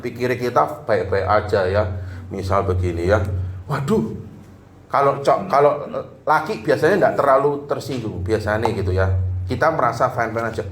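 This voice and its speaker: A man preaching a sermon in a casual, joking, conversational way. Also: mid-range voice. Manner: jokey, conversational, acts out little dialogues. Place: church hall. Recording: echoey room, faint background noise.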